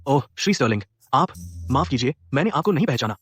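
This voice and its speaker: A man's voice: medium pitch, big pitch swings, quick pace, a bit bright, breathy edge, no echo, soft background music. A man voicing a male police officer carrying out a hotel raid in a dubbed drama. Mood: official.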